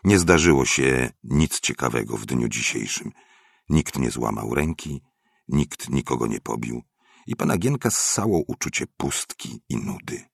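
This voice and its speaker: A man narrating a story aloud in a measured, expressive audiobook reading. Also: extremely low pitch, creaky, breathy edge, no room sound, clean studio sound.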